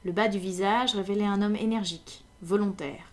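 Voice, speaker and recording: A woman reading a classic detective story aloud in French, with measured, attentive narration. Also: mid-range voice, fairly even intonation. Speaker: audiobook reader.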